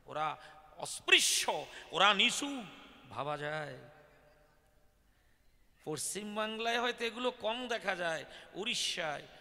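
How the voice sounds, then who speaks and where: Man, devotional storyteller, rhetorical questions, very bright gravelly voice, stage mic in a reverberant hall. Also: high-pitched, sing-song, slow, long pauses. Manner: rhetorical questions to the audience, vivid. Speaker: devotional folk poet-singer. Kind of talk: devotional storytelling discourse to a live audience.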